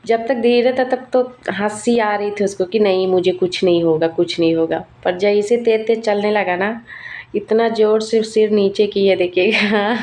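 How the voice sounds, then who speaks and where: A woman's voice: medium pitch, darkish tone. A young woman vlogger and mother, narrating casually in a chatty storytelling way. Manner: chatty, storytelling, laughs often.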